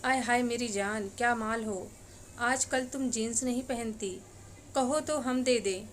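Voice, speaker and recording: A woman's voice: a little high, unhurried, a little hiss or hum, lightly acted. A woman voicing crude young male hooligans who jeer at a girl. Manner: jeering, crude. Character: leering young street hooligans, crude and mocking.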